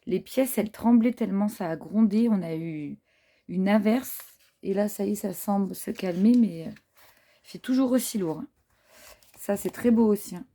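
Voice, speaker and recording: A woman's voice: mid-range voice, moderate pace, mellow. A woman chatting casually to viewers while showing craft papers, with many fillers and admiring asides. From France. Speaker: craft haul vlogger. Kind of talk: casual show-and-tell chat.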